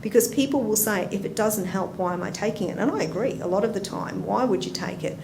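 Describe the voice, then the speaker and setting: Talking fast in a creaky, medium-pitched voice, an Australian nurse educator presents at a conference. Her talk is chatty and full of anecdotes, with questions for the audience, recorded in a roomy room with background noise.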